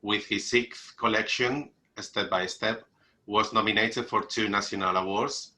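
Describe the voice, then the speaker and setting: A man's voice: lowish voice, steady tone, measured pace, sharp tone. A man hosting an online literary event, introducing guests and asking questions in a hesitant way, often repeating and rephrasing. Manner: hesitant, repeats phrases and gropes for wording. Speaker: event host and interviewer. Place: remote video call.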